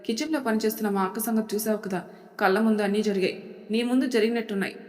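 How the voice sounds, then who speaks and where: Smug young woman, mocking and sharp , as a female narrator plays her; long reverb. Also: mid-range voice, fast, close to an everyday voice.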